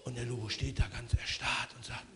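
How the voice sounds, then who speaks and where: A man telling a children's story aloud, lively with hushed asides. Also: mid-range voice, brisk, crowd noise.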